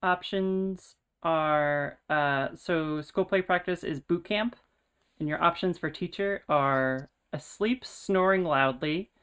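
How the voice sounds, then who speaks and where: Woman player, low-ish, clean resonant voice, stammering delivery. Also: a bit bright, smooth. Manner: stammering, laughing. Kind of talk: tabletop game play.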